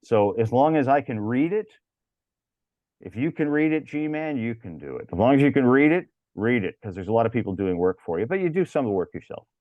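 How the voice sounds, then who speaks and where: A man's voice: medium pitch, sing-song, fairly quick, dry recording. Older man, chatty announcer-guest, meandering with uh's, dull dry recording. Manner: rambling, chatty storyteller with many filler uh's. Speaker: arena public address announcer, guest. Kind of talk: casual interview chat.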